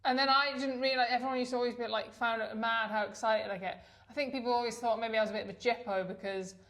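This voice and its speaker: A woman's voice: fairly high pitch, fairly even intonation, fast, a bit bright. A woman in her thirties co-hosting a podcast, chatting casually, self-deprecating and laughing often. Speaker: podcast co-host. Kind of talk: casual chat.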